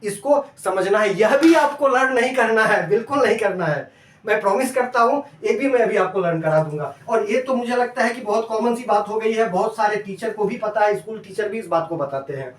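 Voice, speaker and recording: Male math teacher, high voice, coaxing and repetitive, distant mic. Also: lively intonation, brisk. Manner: coaxing, addresses students as dear children; repeats and checks understanding. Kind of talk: classroom-style lesson video. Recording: echoey room, distant from mic.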